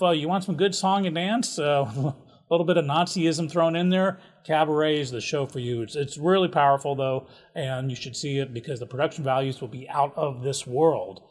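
A man hosting a casual local events rundown, chatty and jokey with offhand asides. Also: on the high side. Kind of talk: casual community calendar rundown.

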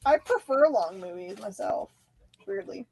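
A woman's voice: fairly high pitch, sing-song, measured pace, creaky, darkish tone, breathy edge, no room sound, low-quality recording. A woman chiming in with brief, playful remarks in a casual chat.

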